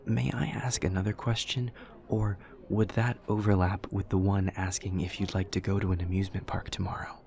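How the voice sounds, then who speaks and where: In this audio roleplay, a man plays an awkward, earnest young demon student, talking to the listener in a formal, literal way that over-explains everything. His voice is low with vocal fry and a slightly mellow quality, and his delivery is flat at a normal speed. The mood is earnest and matter-of-fact.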